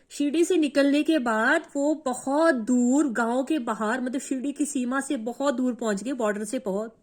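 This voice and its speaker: A woman telling her own devotional experience in an earnest, emotional way, often repeating herself. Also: a little high. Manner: earnest, repetitive, emotional storytelling. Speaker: devotee sharing a personal experience. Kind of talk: emotional first-person testimony.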